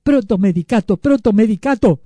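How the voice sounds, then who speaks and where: A storyteller voicing a timid, grumbling stage wizard who speaks slowly and doubtfully. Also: medium pitch, expressive, warm tone, dry recording, natural voice. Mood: decidido. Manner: hesitant, slow, doubtful.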